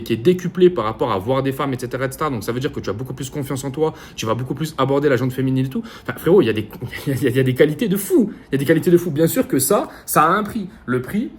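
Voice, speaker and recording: A man giving a rapid, insistent motivational monologue as an online business coach, repeating himself and swearing casually. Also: fairly high pitch, darkish tone. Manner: fast, insistent, repetitive, slangy and profane.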